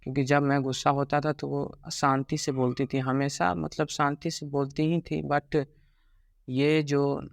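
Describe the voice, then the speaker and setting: A young man talking in a halting, regretful way about his heartbreak in a personal vlog, with many pauses and restarts. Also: a little high, flat delivery, gravelly, dry recording, clean studio sound. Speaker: vlogger.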